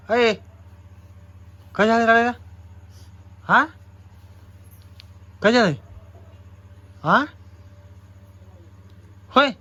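A young man speaks, and his voice sits high and bright. He coaxes gently, asking the same questions over and over. It is casual home-vlog talk. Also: muffled recording. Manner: gently coaxing, asks again and again. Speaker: husband and vlogger.

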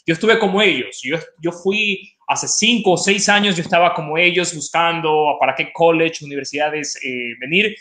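An Ecuadorian man in his thirties, appearing as a college representative on a webinar, explains things keenly in an informal promotional interview, repeating words for emphasis. His high, bright voice moves at normal speed with hardly any pauses. He's on a video call from a home living room with an open kitchen, and the sound has a roomy echo.

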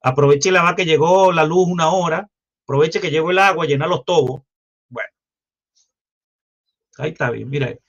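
A Venezuelan man with a Venezuelan accent rants on his livestream, crude and mocking as he rambles from one jab to the next. His voice sits on the higher side for a man. The audio is dull and lo-fi, like a muffled stream. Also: moderate pace, long pauses, a bit bright. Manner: foul-mouthed, mocking, loose and rambling. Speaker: livestream host. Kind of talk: crude political livestream rant.

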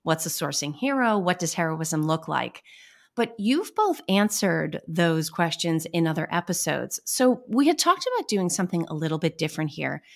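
A woman with a Boston accent hosting a podcast, chatting in quick, lively bursts with her guests. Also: fairly low pitch, gravelly. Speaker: podcast host. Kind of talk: casual interview chat.

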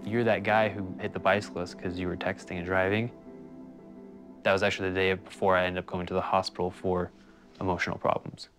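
A young man giving a quiet, remorseful documentary testimony. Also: low voice, level tone, brisk. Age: young adult. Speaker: interviewee. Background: soft guitar music.

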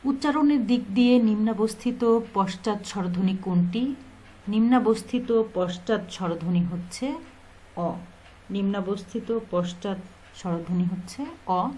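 A woman's voice: mid-range voice, a little slow, dark tone, a little hiss or hum, poor audio. A woman with a Bangladeshi Bengali accent teaching an exam-prep lesson, asking questions and answering them herself, repeating key points.

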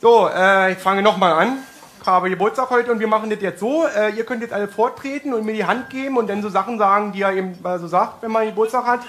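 Brash mock-grumpy man on stage, high voice. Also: fast talker, a bit bright. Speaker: stand-up comedian. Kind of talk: stand-up comedy on stage. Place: theater stage before audience. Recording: live stage with audience laughter and noise.

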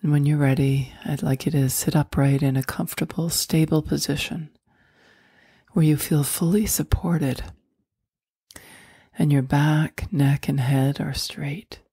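A woman leading a guided meditation in a soft, soothing voice that often drops into a whisper. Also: sits low, steady tone, a little slow, husky, dry recording, studio quality.

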